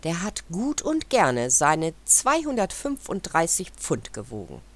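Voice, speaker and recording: Woman doing a swordfish, male, boastful, excited, lively pitch. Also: a little slow, full character voice. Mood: bragging. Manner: bragging, excited. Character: boastful male swordfish, fisherman's-tale bragger.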